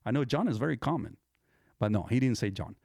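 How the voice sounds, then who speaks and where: A man's voice: medium pitch, animated, quick pace, gravelly, a little mellow, dry recording. Male podcast host, loose storyteller, frequent restarts and chuckles, dry close sound. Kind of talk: casual storytelling.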